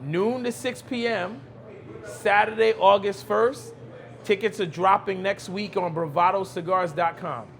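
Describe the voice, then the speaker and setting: The podcast guest, a Brooklyn cigar lounge owner from New York, United States, has a high, gravelly, fairly bright voice and takes his time. In conversation with the interviewer he's emphatic and repeats phrases.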